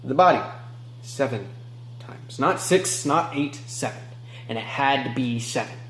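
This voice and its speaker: A man playing a remorseless male killer in an amateur film monologue, moving between low mutters and sharp outbursts. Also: animated, unhurried, echoey room, a little hiss or hum. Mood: hushed, chilling. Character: remorseless male killer recounting his crimes.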